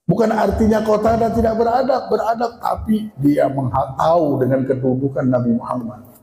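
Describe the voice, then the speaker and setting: A man's voice: level tone, moderate pace, dark tone, faint music behind. A man preaching a sermon in a mosque, retelling stories and acting out the quoted dialogue. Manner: acts out quoted dialogue with shifting pitch. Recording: echoey mosque hall with long reverb.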